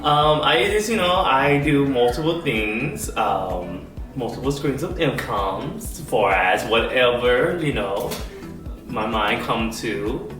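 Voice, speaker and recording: A man introducing himself as a reality show cast member, hesitant and halting. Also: mid-range voice, lively intonation, distant mic. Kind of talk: casual self-introduction. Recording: echoey room with faint music.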